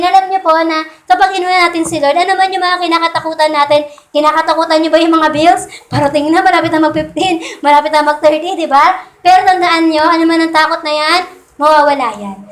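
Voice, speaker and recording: A woman preaching a Sunday sermon in a conversational way, often asking her listeners to agree and mixing English phrases into her talk. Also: very high-pitched. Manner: mixes English phrases into Tagalog. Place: church. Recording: echoey church hall.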